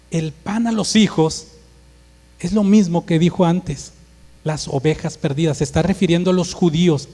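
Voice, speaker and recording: Monterrey-accented pastor preaching emphatically. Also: male voice, a little high. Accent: northern Mexican, Monterrey. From Mexico. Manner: emphatic preaching, acts out dialogue in a forceful voice. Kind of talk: sermon. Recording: long hall reverb.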